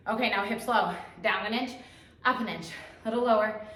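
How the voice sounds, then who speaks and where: A woman coaching a workout like an aerobics instructor, giving short, encouraging, energetic cues as she exercises. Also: mid-range voice, moderate pace. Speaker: fitness instructor leading a workout. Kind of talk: aerobics instructor cueing and counting down. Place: echoey room, exercising while talking. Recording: very echoey room, distant microphone.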